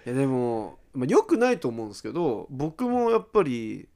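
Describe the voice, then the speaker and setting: A man's voice: mid-range voice, wildly swooping pitch, fairly quick, vocal fry, darkish tone. A man co-hosting a casual podcast, a former teacher who talks animatedly, laughs often and reads out listener messages.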